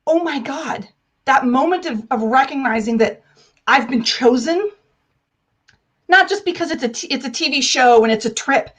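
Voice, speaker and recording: American woman telling stories in an interview, pretty high voice, irreverent, really punchy delivery. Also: lively intonation, moderate pace, fairly bright tone. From United States. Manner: emphatic, irreverent, laughs often, acts out dialogue. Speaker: interview guest, entrepreneur. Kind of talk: animated personal storytelling in a live interview.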